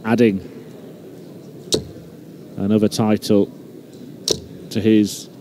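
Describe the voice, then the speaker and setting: A man's voice: lowish voice, little pitch movement, very slow, dark tone, slight background noise. A man giving live sports commentary as a darts commentator.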